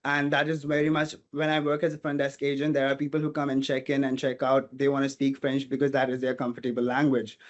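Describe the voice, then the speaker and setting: Lo-fi sound captures a fast, monotone, mid-range male voice with few pauses. He's a hospitality student from India with Portuguese as his mother tongue, earnestly thinking aloud as an interview guest in casual conversation and often saying "you know."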